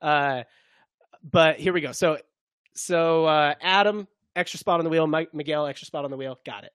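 A man's voice: a little high, normal speed, a bit bright, clear, resonant tone, no room sound. A man hosting a casual sports podcast, rambling and making self-mocking jokes. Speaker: podcast host.

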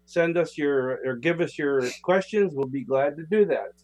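Older guy cohosting radio from home, voice a bit high, tinny barrel-y sound. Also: normal speed, darkish tone. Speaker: radio show co-host. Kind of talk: casual radio chat. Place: makeshift home studio.

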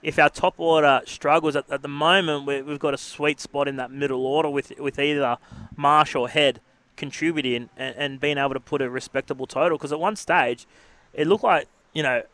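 A man's voice: medium pitch, fairly bright tone, no echo. A man with an Australian accent co-hosting a sports radio show, casually analysing the game on a close mic. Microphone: close studio broadcast microphone.

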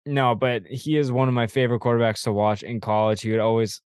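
A young man co-hosting a podcast, rambling and excitable in casual sports chat, swearing freely. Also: medium pitch, fast, clean tone, dry recording, studio quality. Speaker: podcast co-host.

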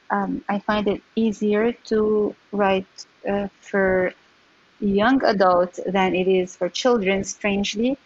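A woman's voice: mid-range voice, slightly rough, lo-fi sound. A woman from Syria, an author answering interview questions in a hesitant way with many fillers. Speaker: author guest.

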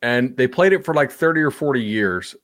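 A man talking casually on a podcast as a sports betting analyst, animated and chatty with lots of fillers. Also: mid-range voice, fairly quick.

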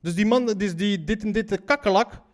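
Reading a story aloud and reacting to it, a man with a high-sitting, brisk voice comes across blunt and incredulous. This reaction commentator swears and stumbles over repeated words.

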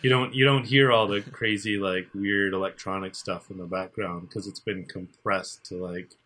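Male podcast co-host, low-pitched, loose and rambling delivery with many fillers. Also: fairly even intonation, moderate pace, sharp tone. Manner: rambling, lots of fillers and restarts. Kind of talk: casual chat. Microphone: desk mic with headphones over a call.

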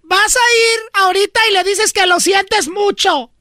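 Woman playing a nagging mom, super high bright voice, dry close mic. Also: fairly even intonation, normal speed, no echo. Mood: scolding. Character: nagging Mexican mom and wife, sharp-tongued. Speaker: joke sketch actress.

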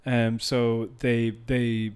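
A man's voice: mid-range voice, flat delivery, very slow, darkish tone, smooth. An Irish man hosting a podcast in casual chat, rambling and thinking aloud with plenty of fillers. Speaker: podcast host.

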